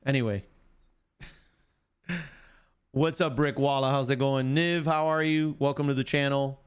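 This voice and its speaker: A man's voice: medium pitch, steady tone, measured pace, clean tone. A man hosting a casual live sports stream, chatting and joking with viewers and reading chat aloud. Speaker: livestream sports show host.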